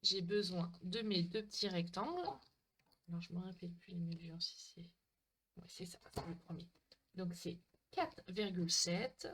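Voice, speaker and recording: Bright-voiced woman chatting through a craft live. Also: lowish voice, little pitch movement, moderate pace, slight background noise. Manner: chatty, talks to viewers by name, self-mocking. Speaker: crafting livestream host. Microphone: desk mic.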